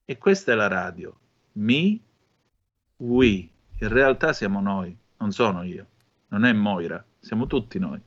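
A man's voice: on the low side, expressive, moderate pace, a bit bright, lo-fi sound. A man hosting a radio show, chatting loosely and telling long stories to listeners. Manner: rambling, storytelling. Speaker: radio host. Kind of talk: casual radio talk.

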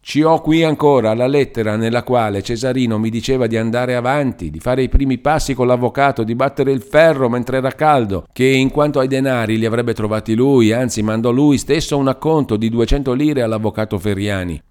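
Man doing a shrill sneering old man. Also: brisk, hardly any pauses, darkish tone, clean tone, natural voice. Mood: insistent. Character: shrill sardonic lame old man, stubborn and mocking.

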